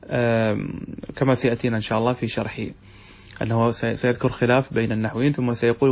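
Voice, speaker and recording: Fast-talking, husky male grammar teacher. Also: mid-range voice. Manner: reads a text aloud, then explains it with questions he answers himself. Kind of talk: classroom lesson.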